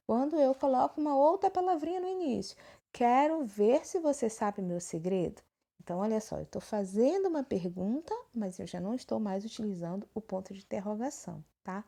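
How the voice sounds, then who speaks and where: A woman's voice: a little high, lively intonation, a little fast, creaky, dark tone. A woman with a Brazilian Portuguese accent, teaching a recorded grammar lesson and checking in with her students often. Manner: explanatory, frequent check-ins with students. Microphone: phone screen recording.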